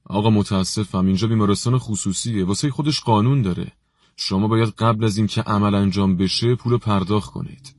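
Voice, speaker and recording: A man's voice: fairly low pitch, a little mellow, dry recording, clean studio sound, lightly acted. A man doing a polite, rigid doctor. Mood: politely firm. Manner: polite, formal, unbending.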